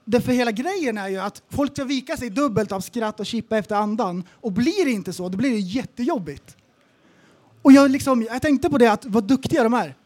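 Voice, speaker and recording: A co-host with an extremely high voice livens up a casual comedy podcast with his stories. Animated throughout, he acts out what everyone in them said.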